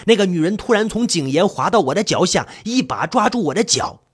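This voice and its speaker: A man's voice: sits high, lively intonation, brisk, husky. A man narrating a first-person horror story in a dramatic way. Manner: dramatic, shifting to panicked cries.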